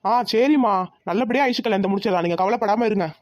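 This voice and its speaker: A woman voicing a dutiful adult son in a cartoon who gently calms his family. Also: mid-range voice, quick pace, no room sound, studio quality, close to an everyday voice. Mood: placating. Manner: gentle, placating.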